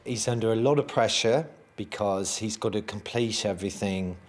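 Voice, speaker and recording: A man's voice: fairly low pitch, moderate pace. A man explaining a situation in an interview in a matter-of-fact way. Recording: clear background noise.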